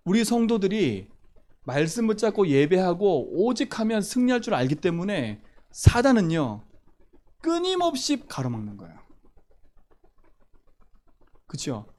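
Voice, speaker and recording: A man delivers a sermon in a church. His voice sits high and leaps up and down in pitch. He hammers key phrases and keeps asking the listeners questions. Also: a little mellow. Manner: emphatic, repeats key phrases, asks the congregation questions. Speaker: pastor.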